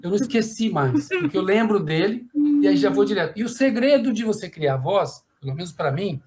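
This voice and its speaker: A man's voice: sits high, brisk, slight background noise. A middle-aged man, a puppeteer and voice actor, telling anecdotes on a panel and acting out the voices of people he quotes. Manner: lively storyteller who acts out quoted voices, frequent "né?".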